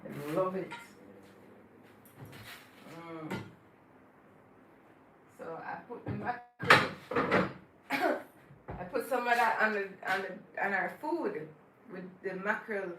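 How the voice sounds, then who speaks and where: A woman's voice: mid-range voice, lively intonation, slow pace, long pauses, reverberant, noisy background. A woman hosting a casual morning livestream, chatting with viewers and talking affectionately to her cat. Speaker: livestream host. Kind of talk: casual morning live chat.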